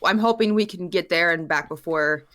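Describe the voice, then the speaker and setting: Brief: woman player, lowish voice, casual and reassuring. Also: moderate pace, crowd noise. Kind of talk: casual tabletop game chat.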